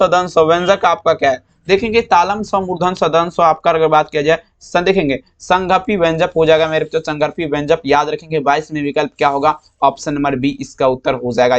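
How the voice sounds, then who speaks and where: Teacher guy, high-pitched, walks through exam answers, keeps calling students dear kids, bit muffled. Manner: affectionate, repetitive coaching, calls students dear children. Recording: slightly dull lo-fi sound.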